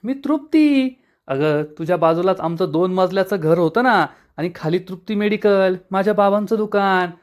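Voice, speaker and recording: Narrator doing a brash gossipy young woman, loud and nosy, pokes fun at people with no filter, middling pitch, retold serial scene. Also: expressive, normal speed, close to an everyday voice. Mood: brash teasing. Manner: teasing, blunt and nosy.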